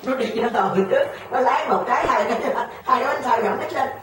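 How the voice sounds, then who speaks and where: On what sounds like a far-off radio recording, roomy and noisy, an older woman from Vietnam speaks fast in a fairly high voice. She's casually chatting, telling a story and lively imitating the voices of those involved.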